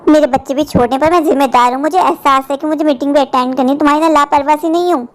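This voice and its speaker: Brief: a strict lecturing colleague, fast-talking and shrill-high, played by a woman. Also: steady tone, natural voice. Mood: scolding. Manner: scolding, lecturing. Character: strict bossy office woman, impatient. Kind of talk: cartoon voice acting.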